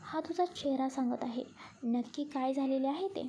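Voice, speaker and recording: A woman's voice: high voice, moderate pace, dark tone, slight background noise. A woman voicing a sensitive, easily frightened young woman who scolds and teases in a storybook reading. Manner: reproachful, teasing with her friend.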